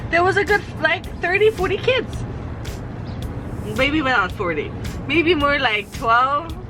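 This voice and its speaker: High-pitched stoned woman, casual rambling. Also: lively intonation, slow, music in the background, poor audio. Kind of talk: casual chat.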